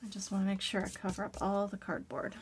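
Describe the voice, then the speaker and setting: A woman with a raspy voice chatting casually as she works on a craft project, often dropping to a soft whisper. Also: mid-range voice, flat delivery, quick pace, a little hiss or hum. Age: adult parent. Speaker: crafting video host.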